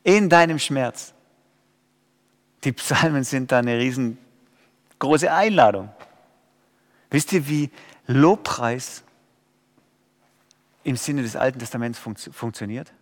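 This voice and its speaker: A man preaching a sermon, dropping to quiet and rising to loud pleading cries. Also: medium pitch, takes it slowly, long pauses, big-room sound.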